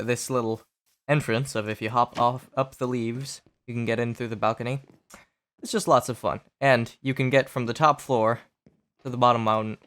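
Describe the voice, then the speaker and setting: A man who sounds sick, hosting his gaming channel with easygoing, rambling gameplay commentary full of pauses. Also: medium pitch, fairly bright tone. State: sick, stuffy voice.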